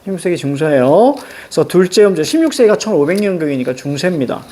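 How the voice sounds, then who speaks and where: A man's voice: a little high, animated, fast talker, warm tone. A middle-aged male teacher giving a classroom lecture, drilling students with frequent check-in questions and stretching out example words for emphasis. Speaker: Korean language teacher.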